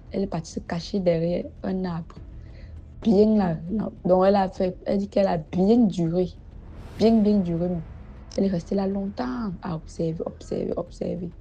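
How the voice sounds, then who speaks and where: A woman's voice: lowish voice, creaky, mellow. A woman, telling a village story in a casual spoken way, often hesitating and repeating words. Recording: dull lo-fi audio with background music.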